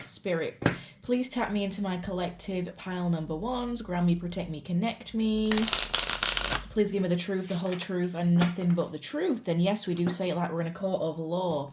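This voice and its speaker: Against a noisy background, a young woman from the UK with a fairly low voice offers a pick-a-card tarot reading. A sore throat makes her voice crack now and then, yet she stays chatty and reassuring, frequently saying "you know" and "guys."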